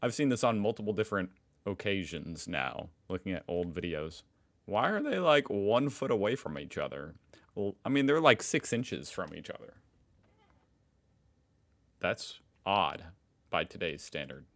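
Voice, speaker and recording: A man's voice: deep voice, very animated, measured pace, a bit bright. An American man hosting a reaction video, commenting in a musing, conversational way. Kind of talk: casual commentary.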